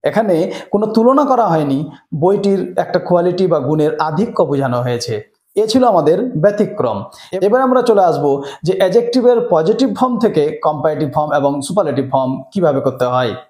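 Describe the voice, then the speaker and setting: A man teaches grammar in a fairly high voice, speaking straight to his students. He walks through each rule step by step. The room around him is echoey. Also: expressive, moderate pace, a little mellow. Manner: explains step by step, addressing students directly. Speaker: English teacher. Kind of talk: classroom grammar lesson. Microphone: camera mic, presenter on screen.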